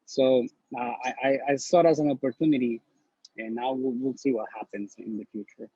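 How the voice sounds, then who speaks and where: Man, 30s, husky, mellow tone, earnest and blunt, interview guest, dull lo-fi video call. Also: medium pitch, a little fast, no room sound. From Honduras. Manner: earnest and blunt, repeats words as he talks. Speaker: interview guest, newly matched neurology resident. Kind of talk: casual interview, giving advice. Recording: slightly dull lo-fi recording.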